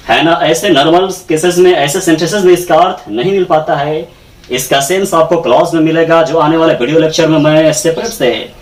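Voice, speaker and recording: A man teaching English grammar in a classroom lecture, repeating each point and checking with rhetorical questions. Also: fairly high pitch. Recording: echoey room, mic far off.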